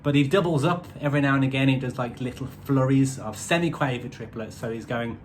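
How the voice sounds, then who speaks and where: A man's voice: mid-range voice, brisk, heavy background noise. A man giving a casual, rambling album review with wry asides, using musician's terms like semiquavers and odd time signatures.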